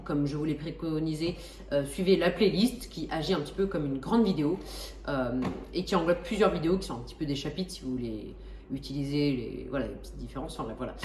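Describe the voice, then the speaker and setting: A woman's voice: low-pitched, darkish tone, reverberant, recorded from a distance, slight background noise. A woman hosting a flight simulator tutorial, talking casually with lots of hesitations and restarts and joking at herself. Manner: chatty, many hesitations and restarts, self-joking.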